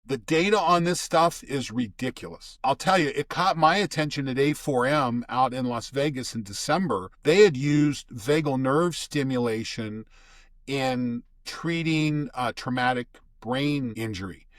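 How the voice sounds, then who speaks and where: A man's voice: medium pitch, measured pace, dry recording, studio quality. An older man, a guest expert, explaining things in casual podcast talk and often restarting his phrases.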